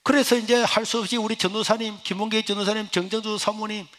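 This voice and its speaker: A man's voice: high voice, little pitch movement, fast talker. Male pastor preaching a dramatic testimony. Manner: storytelling with sudden swings from loud exclamation to hushed near-whisper. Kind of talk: sermon with personal testimony.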